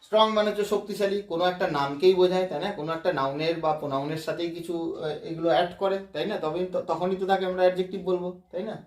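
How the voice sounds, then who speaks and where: A man with a Bengali accent teaching English grammar, explaining patiently, saying words slowly and checking that students follow. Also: sits high, steady tone, echoey room. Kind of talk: classroom grammar lesson.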